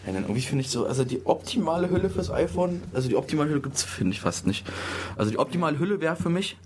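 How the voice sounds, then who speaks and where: A man's voice: on the high side, sing-song, darkish tone, slight background noise. A young man, chatting casually and jokingly about phones. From West Berlin. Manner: fast, joking, blunt. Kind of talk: casual tech chat.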